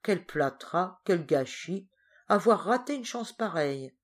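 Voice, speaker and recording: Woman reading, doing a gruff bummed-out crook guy moaning about his bad luck, slangy. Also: lowish voice, expressive, unhurried. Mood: rueful. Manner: slangy, self-mocking grumbling. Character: grumbling male thief, dejected and gruff.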